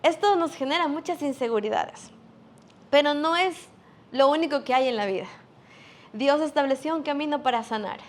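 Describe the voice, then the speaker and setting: Woman, high voice, sermon, earnest, emphatic preaching.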